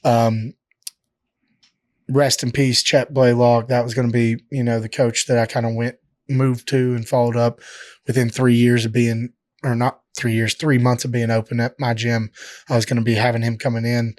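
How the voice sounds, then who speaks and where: A professional fighter tells stories as a guest on a casual podcast, rambling and swearing freely, with a steady stream of filler words. His voice sits at an ordinary male pitch. The sound is close and dry, with no room in it. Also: moderate pace, dry recording. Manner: profane, rambling storytelling, heavy filler words. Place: podcast studio.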